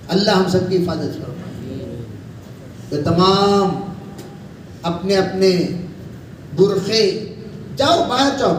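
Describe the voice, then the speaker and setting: A man preaching a sermon to women as a mufti, admonishing and repeating his points. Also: very high-pitched. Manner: repetitive, admonishing exhortation. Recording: very echoey hall from a distance, faint noise.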